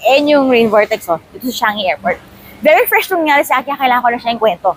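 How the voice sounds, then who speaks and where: Animated chatty woman vlogger. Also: fairly high pitch, very fast, a little hiss or hum, rough recording. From Philippines. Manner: chatty, animated, mixes in English phrases. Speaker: travel vlogger. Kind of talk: casual storytelling vlog. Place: airport terminal, indoors.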